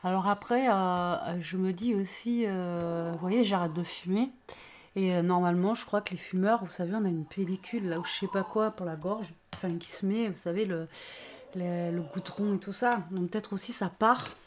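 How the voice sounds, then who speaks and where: Hoarse woman vlogging casually. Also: lowish voice, normal speed. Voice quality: hoarse, raspy voice. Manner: rambling, many fillers, talks to her pet. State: tired, worn out. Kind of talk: casual vlog chat.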